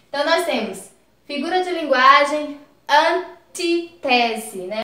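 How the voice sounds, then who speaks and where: A woman teacher explaining a lesson slowly and patiently, stretching key words and checking in with short questions to the listener. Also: high voice, sharp tone. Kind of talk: recorded lesson. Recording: echoey room.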